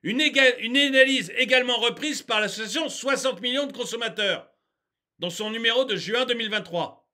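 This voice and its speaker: A man giving an indignant commentary, moving from calm reading into exasperated, shouting tirades. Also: very high-pitched, brisk. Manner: exasperated, ranting, shouting outbursts. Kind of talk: indignant commentary on a news topic.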